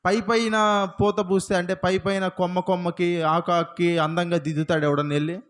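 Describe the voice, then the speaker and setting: A man's voice: high-pitched, level tone, fairly quick, fairly bright tone. A male pastor preaching a sermon, firing rhetorical questions at the congregation and punctuating points with repeated hallelujahs.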